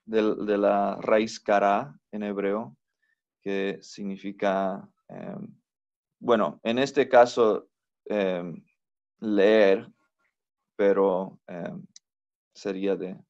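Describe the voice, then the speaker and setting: Male teacher, mid pitch, very slow and patient, lots of ums and restarts; slightly muffled lo-fi recording. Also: flat delivery, a little mellow. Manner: slow, patient explaining with many fillers and self-corrections. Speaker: Biblical Hebrew teacher. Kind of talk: recorded online class lecture.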